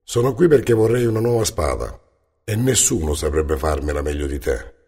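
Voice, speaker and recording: A man voicing a courteous, grand royal general with a gravelly, husky voice in a storybook. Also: very deep voice, big pitch swings, normal speed, a little mellow, long reverb tail, pitched below the performer's own voice, heavily acted. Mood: warm.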